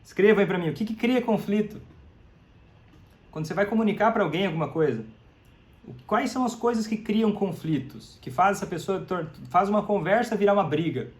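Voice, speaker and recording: A man's voice: sits high, brisk. A man hosting a live stream, talking to viewers in a conversational way, asking them questions and acting out example phrases. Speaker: host of a live stream on family communication about alcoholism.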